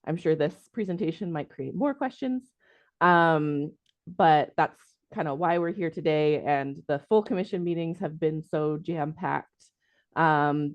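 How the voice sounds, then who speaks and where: A woman's voice: sits low, dry recording, muffled recording. A woman from city housing staff giving a presentation in an online meeting, casual and hedging, with many ums. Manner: informal, hedging with frequent ums.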